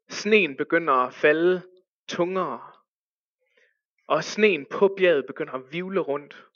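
A man telling a story as a sermon, with hushed dramatic pauses that rise to urgent cries. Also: on the high side, no echo, muffled recording.

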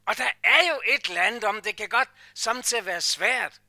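A man preaching a sermon, emphatic, swinging from hushed asides to loud repeated declarations. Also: high-pitched, expressive, dry recording, clean studio sound. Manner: repeats phrases in a rhythmic build.

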